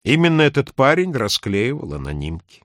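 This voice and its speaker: A man voices a cold, threatening, armed mayor who barks clipped commands in a menacing mood. His mid-range, very animated delivery is at a moderate pace, pitched above the performer's own voice yet natural, in a dry, clean studio recording.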